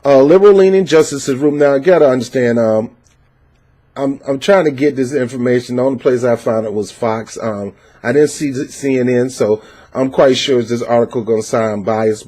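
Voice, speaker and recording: Reading a news article and then reacting, an American man delivers opinionated political commentary in a mid-range, dark-toned voice. His emphasis is passionate and preachy, and fillers come often.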